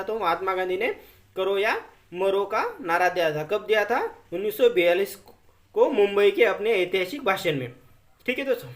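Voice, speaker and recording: An educational video presenter with a mid-range voice reads notes aloud in an informal explainer style. Points get repeated and rephrased, and listeners are often called friends.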